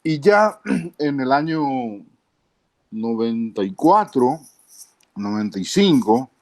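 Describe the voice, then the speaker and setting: This interview guest is a man in his fifties with a Paraguayan Spanish accent who worked as a trained broadcaster and is now telling the story of his career. He talks at a measured pace with crisp diction, adding a questioning tag to many of his lines. His pitch sits in the middle range with a sing-song lilt, and the sound is dry without echo.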